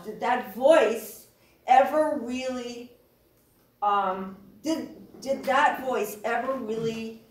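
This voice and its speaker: A woman facilitating a group workshop, speaking calmly and reflectively with gentle pauses. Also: fairly high pitch, slight background noise. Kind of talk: guiding a group session. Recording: echoey room, distant mic.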